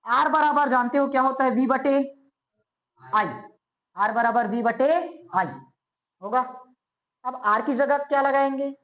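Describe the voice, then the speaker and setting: Lecturing on physics, a male teacher speaks in a very high, somewhat bright voice, firing off quick questions to check comprehension before answering them himself and slowly going over key terms again. The sound is roomy and echoey, like an unfurnished classroom.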